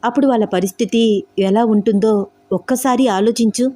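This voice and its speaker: A woman doing a calm, gently persuasive young man. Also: a little high, moderate pace, close to an everyday voice. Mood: earnest. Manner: patient, persuasive.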